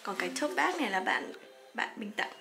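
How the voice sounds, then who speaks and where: A woman's voice: fairly high pitch, sing-song, brisk, creaky, noisy background. A young woman from Vietnam chatting casually in a student vlog, with lots of fillers and frequent laughs. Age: young adult. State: sleepy. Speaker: vlogger, master's student.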